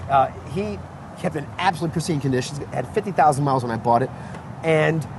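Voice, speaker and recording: A man's voice: on the high side, lively intonation, quick pace. Chatty man explaining his old car outdoors. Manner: enthusiastic, rambling explanations with fillers. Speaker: car owner guest. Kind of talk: casual chat. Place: outdoors on a city street. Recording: noisy outdoor street sound.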